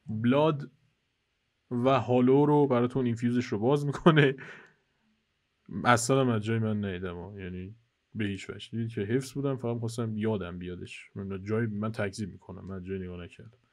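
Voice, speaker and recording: مرد جوان شوخ در حال گزارش بازی. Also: male voice, fairly low pitch, fairly even intonation, a little mellow. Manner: joking, teasing, chatty guide to viewers. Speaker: gaming channel host. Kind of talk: casual co-op gameplay commentary. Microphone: headset.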